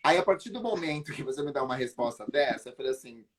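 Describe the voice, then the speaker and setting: A man with a Brazilian Portuguese accent tells a funny anecdote on a video call. He acts out each quote, throws himself into the story and laughs along as he goes. His pitch sits in the middle of the range for men. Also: animated, quick pace, fairly bright tone. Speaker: guest. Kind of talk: animated comic anecdote.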